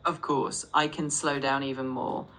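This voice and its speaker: A synthetic female voice acting as a patient English tutor, gently correcting and repeating sentences. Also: extremely low pitch, level tone, measured pace, rough recording. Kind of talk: conversational language tutoring.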